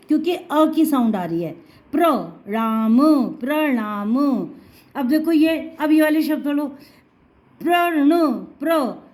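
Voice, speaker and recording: A woman Hindi teacher giving a lesson for children. She patiently sounds out syllables, repeats words slowly, and calls the listener "child" affectionately. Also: high-pitched, dark tone.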